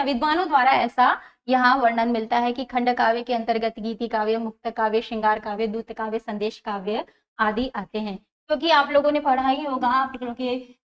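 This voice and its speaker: A woman teaching an exam-prep lecture, explaining step by step, repeating key terms and asking and answering her own questions. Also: fairly high pitch. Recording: dull lo-fi sound.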